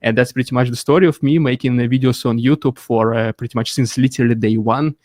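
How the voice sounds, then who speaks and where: A man's voice: mid-range voice, steady tone, quick pace, a little mellow, dry recording, studio quality. A young Russian-born man with a Russian accent, talking earnestly as an interview guest and often repeating his points. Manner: earnest, repeats "once again" and "for this reason". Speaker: guest commentator. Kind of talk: casual interview talk.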